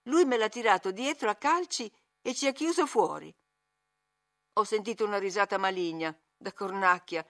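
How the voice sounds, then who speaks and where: A woman's voice: medium pitch, fairly bright tone. Woman reading a novel aloud. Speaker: audiobook reader. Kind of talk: literary audiobook narration.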